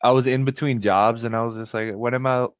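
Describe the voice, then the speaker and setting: A man's voice: mid-range voice, fairly even intonation, fast talker, clear, resonant tone. A young man from Pakistan, a podcast guest, chatting casually and rambling with many restarts. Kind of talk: casual chat.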